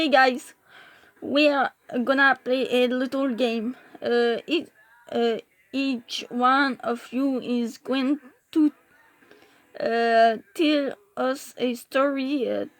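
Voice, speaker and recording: A woman reading a storybook aloud puts on a flustered teacher who drags out her sentences and trips on her words. The voice sits high and is recorded close and dry, with no room sound. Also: fairly even intonation, no room sound, full character voice. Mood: halting. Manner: slow, halting, stumbling over words. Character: bumbling female English teacher.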